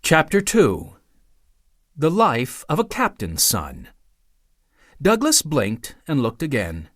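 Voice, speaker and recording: Lively male audiobook narrator. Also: on the high side, no echo, studio quality. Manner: measured storytelling, dramatic pauses. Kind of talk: scripted narration.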